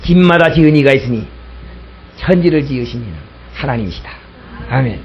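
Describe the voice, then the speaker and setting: A man's voice: medium pitch, expressive, fairly quick, muffled recording. A male pastor preaching a sermon, telling a story and acting out both sides of an argument, repeating key lines for emphasis.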